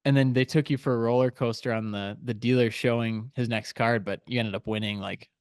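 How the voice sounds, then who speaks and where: A podcast co-host telling a story in casual chat, animated and full of "like" and "dude.". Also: male voice, mid-range voice, brisk, smooth, dry recording, studio quality.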